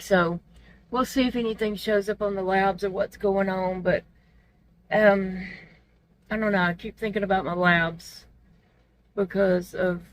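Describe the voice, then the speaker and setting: A woman with soft, toothless, gummy articulation, feeling unwell, chatting candidly and casually to her vlog viewers. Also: mid-range voice, slight background noise, low-quality recording. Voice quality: toothless, gummy articulation from not wearing teeth. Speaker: vlog host. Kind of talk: casual personal vlog chat.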